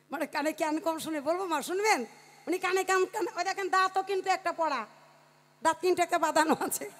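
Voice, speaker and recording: A woman folk performer telling a comic story live on stage into a microphone. She talks in a lively way and calls out to the crowd. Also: high-pitched.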